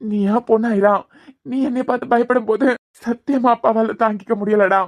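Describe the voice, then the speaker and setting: A woman does cartoon voice work as a young doctor in mourning, gently begging his scared daughter in Kanyakumari Tamil and saying the girl's name again and again. She pitches slightly high, keeps her tone steady, and talks a little fast in a natural voice. Her delivery is sorrowful and pleading.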